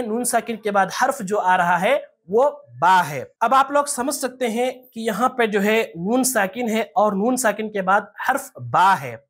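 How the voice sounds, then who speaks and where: A patient teacher works through the lesson step by step. The voice sits at an ordinary middle pitch. The teacher often stops to ask questions and draws out letter sounds slowly, syllable by syllable. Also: breathy edge. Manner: patient, explains step by step and asks rhetorical questions. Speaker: Quran recitation teacher. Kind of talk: tajweed lesson.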